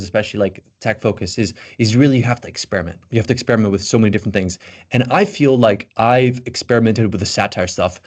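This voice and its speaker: A somewhat low, slightly mellow male voice belongs to a podcast guest, a Belgian tech content creator with an American accent. He chats casually and eagerly, his loose talk packed with "like."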